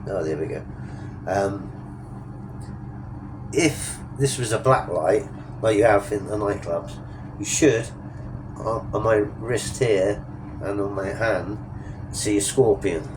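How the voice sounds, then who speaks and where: This English travel vlogger speaks slowly with long pauses, his voice on the low side and his nose sniffly and blocked. He rambles and self-corrects in casual narration from a Ferris wheel cabin at night, with background noise around him.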